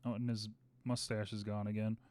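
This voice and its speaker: A man's voice: lowish voice, little pitch movement, a little fast, a little mellow. A man streaming a roleplay game, chatting casually with his viewers, exclaiming and swearing at the chaos. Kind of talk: casual out-of-character chat with viewers.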